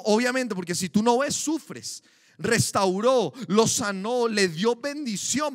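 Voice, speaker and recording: A man delivers a sermon in a strikingly high register. He preaches emphatically, piling up repeated phrases for stress. The sound is dry, with no room around it. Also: fairly bright tone, no room sound, in a large hall. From Colombia.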